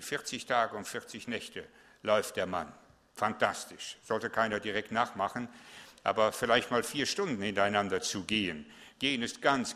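A male pastor preaches with emphasis, repeats words for stress and turns his points into questions for the listeners. His voice is bright and forceful, and a long reverb hangs in the large church around him. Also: mid-range voice. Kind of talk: sermon.

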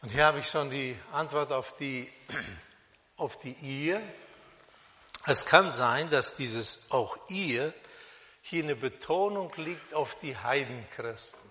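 A man preaching a sermon on a Bible passage, speaking slowly and deliberately with pauses and fillers, in a church hall. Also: medium pitch, pushed and bright. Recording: long reverb of a hall.

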